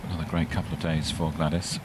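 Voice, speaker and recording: A man giving live golf commentary in measured, short phrases. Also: extremely low pitch, little pitch movement, background noise.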